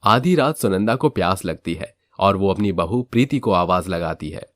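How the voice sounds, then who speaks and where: A man narrating a moral storybook tale in a steady, even way. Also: deep voice, normal speed, dry recording, clean studio sound.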